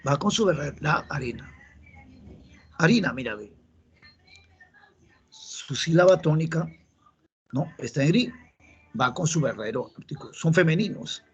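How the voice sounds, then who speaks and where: A man's voice: on the high side, animated, normal speed, long pauses, slightly rough, highs cut off, soft background music. A man with a Peruvian Spanish accent teaching a grammar lesson for an entrance exam, repeating the rules and quizzing his students. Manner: explains patiently, repeats key rules, asks the class questions.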